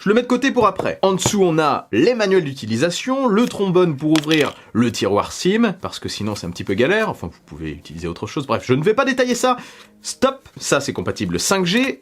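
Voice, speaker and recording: A man's voice: high voice, a little hiss or hum. A man hosting a tech unboxing vlog, talking in a playful way with jokey asides. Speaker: tech YouTuber.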